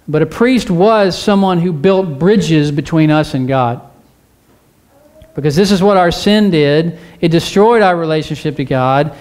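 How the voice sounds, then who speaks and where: A man's voice: on the high side, a little mellow. A male pastor preaching a sermon in a church, urging listeners with repeated phrases and questions to the congregation. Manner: earnest, repetitive exhortation with rhetorical questions.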